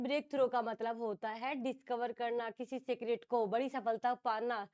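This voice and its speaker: Woman teacher, high voice, online class, explains each term twice in two languages. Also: darkish tone, smooth. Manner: explains phrasal verbs, calls on students by name, repeats words in English and Hindi. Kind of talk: online exam-prep class.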